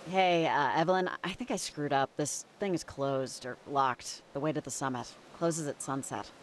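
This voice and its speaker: A woman's voice: sits low, normal speed, a little hiss or hum, natural voice. A woman playing a dry, sarcastic game heroine.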